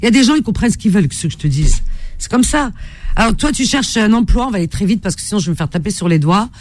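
A woman's voice: mid-range voice, animated, very fast, darkish tone. A woman hosting a call-in radio show in a chatty, informal way, often repeating herself.

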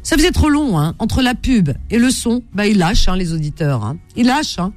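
A woman's voice: medium pitch, very animated, brisk, a little mellow, faint music behind. A woman hosting a late-night radio call-in show, chatty and full of fillers. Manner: chatty, filler-heavy, lots of hein and euh.

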